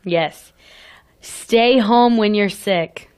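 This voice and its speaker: A female radio co-host who talks at an unhurried pace and keeps things relaxed and chatty. She laughs easily, and her voice sits at a middle pitch for a woman. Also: clean tone. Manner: easygoing, laughs often. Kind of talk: casual radio chat. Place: radio studio.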